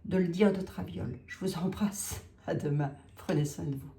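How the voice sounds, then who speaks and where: Lorraine-accented woman, hoarse and folksy. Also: on the low side, moderate pace, mellow, roomy sound. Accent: Lorraine French. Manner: folksy, peppers speech with "hein". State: coughing, a bit hoarse. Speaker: tarot card reader. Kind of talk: casual chatty video reading.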